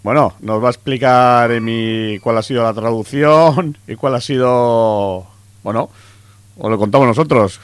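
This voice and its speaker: A man with a Spanish accent hosting a casual rock radio show, relaxed and teasing. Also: medium pitch, measured pace, clean tone, no echo. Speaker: radio host.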